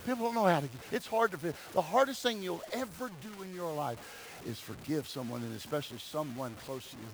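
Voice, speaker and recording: A man's voice: fairly high pitch, lively intonation, brisk, vocal fry, background noise. A man preaching a sermon as a pastor, exhorting his congregation with repeated key phrases and calls for amens. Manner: swings from quiet talk to loud emphatic cries. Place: church sanctuary during a service.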